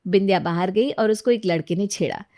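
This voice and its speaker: Woman, storybook narrator, medium pitch, plain even delivery. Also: fairly quick.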